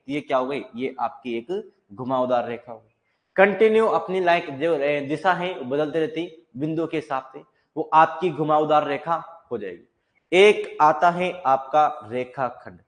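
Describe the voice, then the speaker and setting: A male maths teacher talks through a lesson in a fairly high voice. He explains each point step by step and often asks the class a question before he answers it himself. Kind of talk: classroom lecture.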